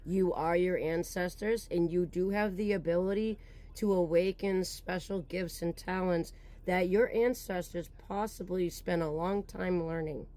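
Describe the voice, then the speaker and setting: A woman's voice: fairly low pitch, steady tone, measured pace, dark tone. A woman speaking as a fortune teller, giving a casual spiritual card reading with reassuring guidance and frequent check-ins to the listener.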